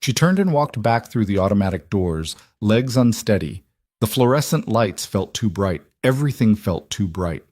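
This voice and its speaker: A man narrating a scripted story in an even, measured way. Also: fairly low pitch, no echo, studio quality.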